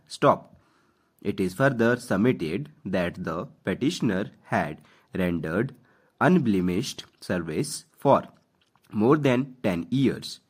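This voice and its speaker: A man with an Indian accent giving slow school-style dictation of formal legal text, phrase by phrase, speaking the punctuation aloud. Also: lowish voice, breathy edge. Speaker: dictation instructor reading for stenography practice.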